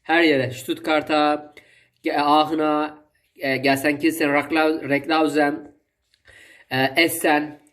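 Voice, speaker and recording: Higher-voiced man with a Zonguldak accent. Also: little pitch movement, slow, long pauses, echoey room. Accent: Zonguldak Turkish dialect. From Zonguldak, Turkey. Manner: folksy, rambling, with long shout-outs to viewers. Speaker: cooking vlogger. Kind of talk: casual chat to camera.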